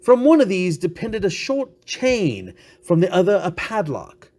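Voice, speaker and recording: A man gives a dramatic reading of literary prose. His voice is a little high for a man and moves animatedly up and down. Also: huge pitch swings, unhurried, a little mellow. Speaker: story reader.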